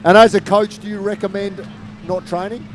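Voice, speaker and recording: A man interviewing finishers in a friendly, brisk way at a race. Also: high-pitched, flat delivery, background noise. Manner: friendly, brisk, says mate. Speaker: co-commentator interviewer.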